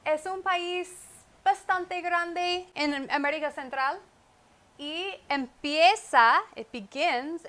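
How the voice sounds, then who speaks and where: A woman teaches a Spanish lesson on a wireless mic. Her voice sits high and bright. She talks very slowly and repeats each key word with care. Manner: slow, deliberate, repeats key words with English glosses. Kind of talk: comprehensible-input lesson. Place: at a whiteboard. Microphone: wireless microphone.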